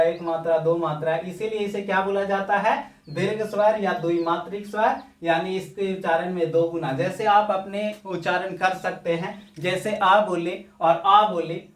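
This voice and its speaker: Male grammar teacher, fairly high voice, slow and deliberate, asks and answers his own questions; echoey room, mic at a distance. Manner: drawn-out vowel demonstrations. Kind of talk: board-exam grammar lesson.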